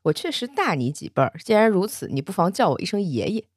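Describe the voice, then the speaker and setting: A woman's voice: on the low side, very animated, no room sound, clean studio sound. A woman doing a cool, teasing old immortal. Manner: soft, slow and teasing. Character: cold proud ancient immortal man, teasing.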